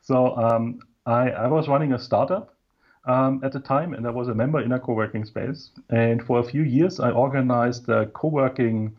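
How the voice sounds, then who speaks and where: Man from munich, casual interview guest, relaxed rambling talk, muffled lo-fi sound. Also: mid-range voice, normal speed. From Munich, Germany. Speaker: co-working space founder, guest.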